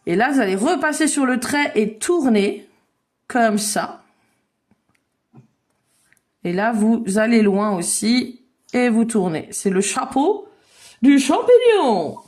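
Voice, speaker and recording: A high-pitched woman runs a children's drawing lesson over a video call. She mixes step-by-step instructions with playful make-believe, praising each child warmly as she goes. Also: slow, long pauses. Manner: lively, encouraging, make-believe narration. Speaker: children's drawing workshop leader.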